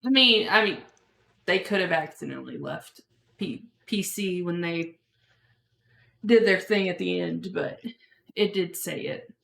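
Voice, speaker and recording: An excitable woman co-hosts a gaming podcast, chatting casually. Her voice is bright and edged with vocal fry, and it rings in a roomy space. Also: on the low side, a little slow, pauses often. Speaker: podcast co-host. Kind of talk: casual chat.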